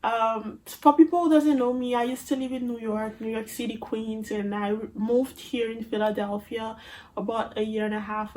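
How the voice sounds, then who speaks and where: In her twenties and with a Haitian Creole accent, a woman vlogs on her phone camera, chatting playfully and casually with viewers. Her medium-pitched voice is a little mellow, and the rough recording has slight background noise.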